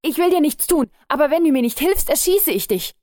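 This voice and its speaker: A frantic, gaunt young man, as a woman narrator puts him on in a read-aloud story. His voice jumps high and loud and keeps cracking under panic. The tone stays dark and mellow, close and dry. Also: expressive, brisk, no echo. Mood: desperate. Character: panicky gaunt young male robber with a gun.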